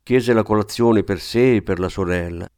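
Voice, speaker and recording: A man narrating an audiobook in a calm, measured storytelling manner. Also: on the low side, clear, resonant tone, no echo, studio quality. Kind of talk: scripted narration.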